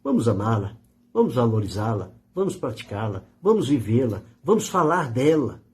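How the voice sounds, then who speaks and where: A male pastor delivers a sermon, his pitch climbing and falling in wide, animated sweeps. His voice is dark and mellow, and he preaches with earnest emphasis and slow pauses for effect.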